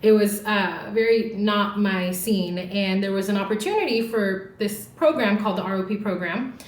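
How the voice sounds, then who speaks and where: A woman's voice: mid-range voice, moderate pace, roomy sound. A woman in her forties from Southern California, a hairstylist talking candidly and casually, with laughs and swearing, as a podcast guest. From Orange County, California.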